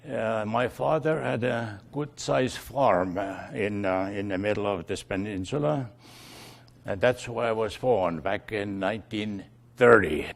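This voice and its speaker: An older man from Estonia, a native Estonian speaker, slowly recalling his family's past in an oral history interview, with many fillers and restarts. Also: fairly low pitch, gravelly.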